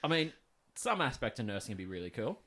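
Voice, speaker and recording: A man's voice: medium pitch, big pitch swings, fast, a bit bright. A man co-hosting a podcast, trading crude jokes in casual banter. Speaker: podcast co-host.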